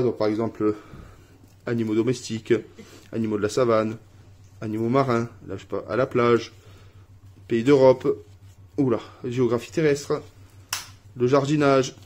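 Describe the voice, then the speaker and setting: A man's voice: mid-range voice, fairly even intonation, moderate pace, pauses often, a little mellow. A man from France casually unboxing a family board game at home, reading cards aloud and laughing at his own English accent.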